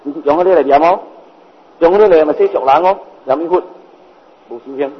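A man's voice: fairly high pitch, fairly quick, husky. An older man with a Hokkien-influenced Mandarin accent giving a Buddhist sermon as a master, repeating points and asking rhetorical questions. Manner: repetitive, explains with rhetorical questions. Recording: reverberant, dull lo-fi hall recording.

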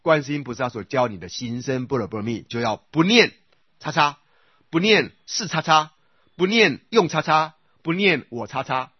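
A man with a husky, somewhat breathy voice leads a lecture on Buddhist scripture. He chants repeated sutra phrases in a measured rhythm and keeps turning to the class to ask whether they follow. The sound is dry and a little muffled, like a modest lo-fi recording. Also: a little high, lively intonation, no room sound. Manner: often checks with listeners by asking "right?"; recites sutra phrases in slow repeated cadence. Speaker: Buddhist dharma teacher.

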